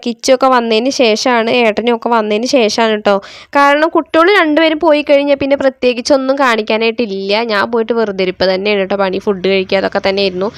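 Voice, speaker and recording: Very fast-talking young woman vlogger. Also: on the high side, smooth, no echo, studio quality. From Kerala, India. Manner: chatty, tags sentences with "you know". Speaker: family vlogger and mother. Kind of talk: casual voice-over vlog narration. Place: indoors, near a road with passing traffic.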